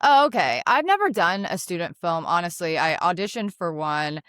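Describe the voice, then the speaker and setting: A woman's voice: lowish voice, very animated, moderate pace, a bit bright, smooth, no room sound, studio quality. A woman host chatting casually in an interview, laughing often and leaning on fillers as she talks. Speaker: interviewer and actress.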